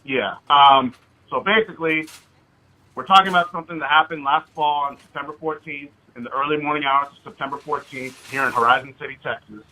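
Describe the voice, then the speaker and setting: On a recorded phone call with dull lo-fi sound, an American citizen activist calls in, his voice on the high side, fairly quick, bright and forceful. He speaks hesitantly and at length, but insistently.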